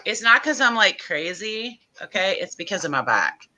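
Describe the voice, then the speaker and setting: A woman chatting on a live stream, her voice very bright and forward. She jokes around and laughs easily, talking in a loose, friendly way with her co-host. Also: medium pitch, big pitch swings, moderate pace, rough recording. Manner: joking, playful, laughs often. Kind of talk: casual live-stream chat.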